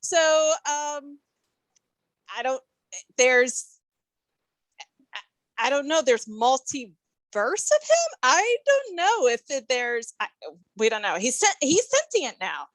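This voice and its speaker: Thoughtful woman co-host, slightly high voice. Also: big pitch swings, a bit bright, no room sound. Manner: thoughtful, halting with many ums and restarts. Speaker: podcast co-host. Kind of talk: casual episode review chat.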